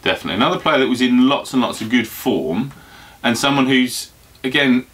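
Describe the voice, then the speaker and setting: A man's voice: mid-range voice, expressive, fairly quick, fairly bright tone, breathy edge. A man in his thirties from England, co-hosting a casual golf show and leading the chat with easy tag questions. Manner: chatty, leads the talk with tag questions. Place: small indoor studio room full of golf memorabilia.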